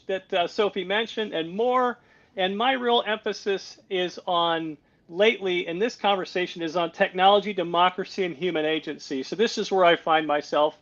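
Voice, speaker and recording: A middle-aged American policy advisor appears as a guest on a podcast, speaking from his home on a Greek island over a video call. He has a high voice and talks in a relaxed, self-deprecating way, often restarting sentences, and the call audio sounds dull and lo-fi.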